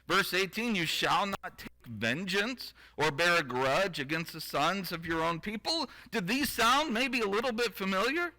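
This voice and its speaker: A man's voice: high-pitched, lively intonation, moderate pace, few pauses, pushed and bright, low-quality recording. A man preaching a sermon. He reads scripture aloud, then explains it in a conversational way, with wry asides to the congregation.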